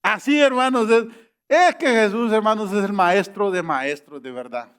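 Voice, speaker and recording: Man, high-pitched, preaching, acts out voices. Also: normal speed, clean tone. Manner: animated preaching that acts out quoted voices, rising to emphatic high peaks. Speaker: pastor. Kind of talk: sermon.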